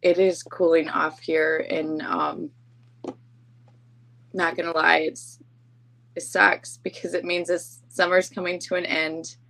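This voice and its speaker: A woman's voice: fairly low pitch, a bit bright. A woman co-hosting a podcast in casual chat, talking in an informal, chatty, self-deprecating way. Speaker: podcast co-host.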